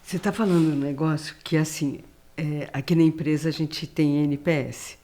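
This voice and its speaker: A woman's voice: low-pitched, steady tone, normal speed, warm tone. A woman from Brazil hosting a podcast interview, agreeing with her guest and searching for words as she talks. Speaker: podcast host.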